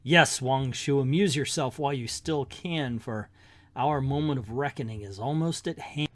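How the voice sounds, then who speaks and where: A man's voice: mid-range voice, moderate pace, dry recording, close to an everyday voice. A man voicing a heroic, vengeful armored hero from a comic book in a declamatory, grandly solemn way. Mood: grimly confident.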